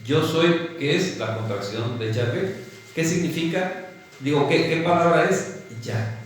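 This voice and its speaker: Slow Mexican preacher in an echoey hall. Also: male voice, a little high, slight background noise. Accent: Mexican Spanish. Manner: keeps checking with listeners by asking "¿sí?"; calls the congregation "hermanitos". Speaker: pastor. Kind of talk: teaching sermon. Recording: echoey hall from a distant mic, faint ambience.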